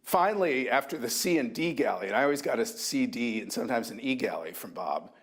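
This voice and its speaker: A man's voice: mid-range voice, lively intonation, husky. Reminiscing man in his sixties. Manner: thoughtful, warmly reminiscing, halting restarts. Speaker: author guest at a book talk. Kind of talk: reflective anecdotal talk. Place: university talk room.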